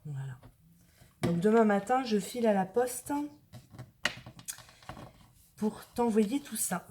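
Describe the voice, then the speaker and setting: Slow, mellow-voiced woman crafting. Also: medium pitch, expressive, slight background noise. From northern France. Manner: chatty, talks to viewers while working with her hands. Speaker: craft tutorial host. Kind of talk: casual craft tutorial narration.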